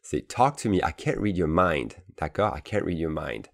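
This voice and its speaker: Man, very deep voice, English teacher, explains in French, repeats phrases slowly, casual asides. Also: sing-song, vocal fry. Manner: casual asides with frequent "d'accord?" checks. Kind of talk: bilingual language lesson.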